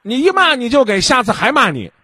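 A man's voice: very high voice, sing-song, fairly quick, sharp tone, slightly rough, no room sound. A man hosting a radio call-in advice show, lecturing the caller and acting out little dialogues. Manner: keeps asking if the caller understands. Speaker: radio hotline host.

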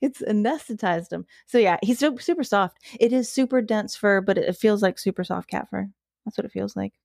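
A woman who once worked as a zookeeper chats casually, blunt and profane, breaking into laughter and restarting her sentences. Her voice sits at a middling pitch. The recording is dry and close, with no room sound. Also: brisk, gravelly, a little mellow, no room sound. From Florida. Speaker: former zookeeper guest. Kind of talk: casual chat.

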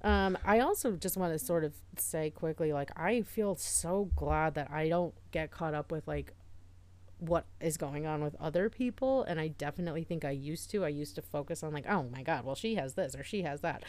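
Woman, deep voice, casual podcast chat, earnest, rambling with fillers. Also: moderate pace, darkish tone. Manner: chatty, heavy use of "like", earnest and reassuring. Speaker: podcast co-host.

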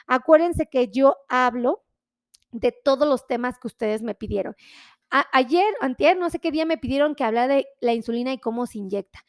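A woman's voice: sits high, moderate pace, dry recording, clean studio sound. A woman doctor, explaining health topics to viewers in a chatty, friendly way with many fillers.

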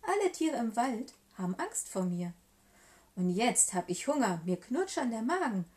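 A woman's voice: on the high side, very animated, moderate pace, a little mellow. A woman voicing a small, clever, boastful mouse in a children's storybook reading. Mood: cheeky.

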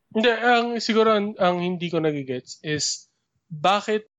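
Questioning Filipino man, slightly high voice. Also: lively intonation, unhurried, fairly bright tone, no echo, lo-fi sound. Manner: questioning, unsure, mixes Tagalog and English. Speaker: podcast co-host. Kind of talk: casual podcast discussion.

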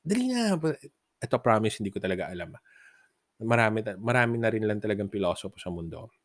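A man's voice: lowish voice, fast talker, fairly bright tone, dry recording, clean studio sound. A man hosting a podcast, casually telling funny stories, laughing often and mixing English into his talk. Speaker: podcast host. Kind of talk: casual storytelling.

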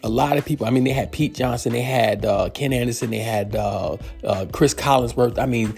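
A New York man in his fifties hosts a solo sports podcast, his medium-pitched voice gravelly, darkish, and a little fast. He rambles through his commentary with many fillers and restarts, while soft music plays in the background.

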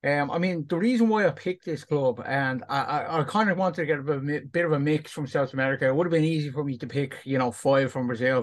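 A man co-hosting a casual podcast, chatty and teasing, sometimes restarting his sentences. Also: mid-range voice. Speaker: podcast co-host.

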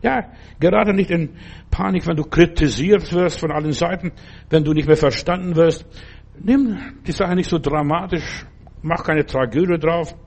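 An older man preaching a sermon, repeating his exhortations earnestly and dropping at times to a soft, slow, reassuring tone. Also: a little high, creaky, breathy edge.

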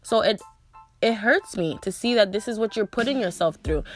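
A woman's voice: mid-range voice, animated, moderate pace, soft background music. Blunt, ranting young woman podcaster. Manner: blunt, profane, repeats "like" often. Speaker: podcast host. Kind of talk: ranting monologue.

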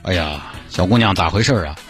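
A man voicing a deadpan middle-aged male doctor. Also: low-pitched, fairly quick, faint music behind, pitched below the performer's own voice, natural voice.

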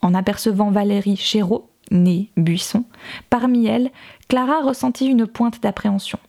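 Woman reading a novel, mellow tone. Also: mid-range voice, steady tone, moderate pace, vocal fry. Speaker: audiobook reader. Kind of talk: scripted narration.

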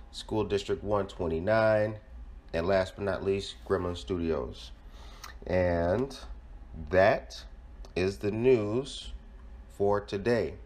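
Lowish-voiced guy hosting local community news, upbeat shout-outs. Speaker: host.

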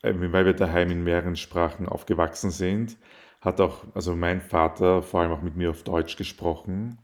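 Here a young Austrian man takes interview questions in a casual setting, his low voice holding fairly even intonation at a moderate pace. He comes across as thoughtful but hesitant, often filling pauses and starting over.

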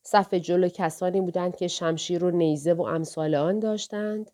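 A woman narrating an audiobook of a historical novel in a steady, measured reading. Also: on the low side.

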